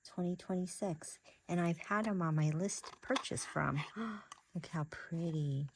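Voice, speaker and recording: A crafting vlogger chats casually on camera while unboxing craft supplies, gasping and gushing over every item. Her voice is on the low side and her pace measured, though she's excitable and chatty, restarting sentences often, with a noisy background.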